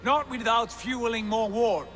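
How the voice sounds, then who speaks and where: A proud Viking prince, pitched high and declaiming with formal authority. His voice rings in a long hall reverb with faint music behind it. He sounds fiery and born to lead a clan. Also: a little slow, fairly bright tone. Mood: resolute. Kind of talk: dramatic video game cutscene oratory.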